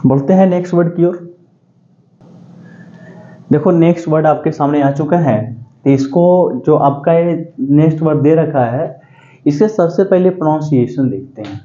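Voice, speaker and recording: A man teaching exam vocabulary in a lecture, repeating key words slowly and quizzing his students. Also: on the high side, dark tone, dull audio. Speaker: English teacher.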